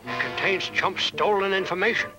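A man doing a wisecracking chimp spy, high. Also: moderate pace, over music, natural voice, poor audio. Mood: wry. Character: wisecracking male chimp secret agent hero. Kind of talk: dubbed TV comedy.

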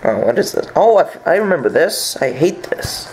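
Lively, joking young man playing a game. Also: fairly high pitch, brisk, a little hiss or hum, rough recording. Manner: joking, sarcastic, rambling. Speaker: gameplay commentator. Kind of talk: casual gameplay banter.

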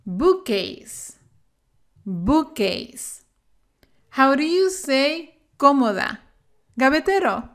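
A woman teaching English vocabulary to Spanish speakers, saying each word slowly and carefully and then repeating it. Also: sits high, sing-song, fairly bright tone. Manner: slow, careful word-by-word pronunciation drills. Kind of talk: bilingual vocabulary lesson.

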